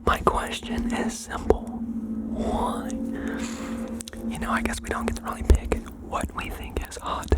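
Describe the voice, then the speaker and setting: An ASMR host whispering as if sharing a secret, reading out listeners' confessions and adding playful asides in a gentle way. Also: a little slow.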